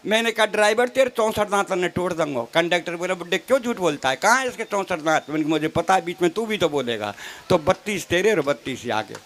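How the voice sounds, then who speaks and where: A man's voice: sits high, animated, fast talker, a bit bright. A man reciting comic poetry on stage, telling stories with mock dialogue and teasing his fellow poets. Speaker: stage comedy poet. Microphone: stage microphone. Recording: live crowd behind the voice.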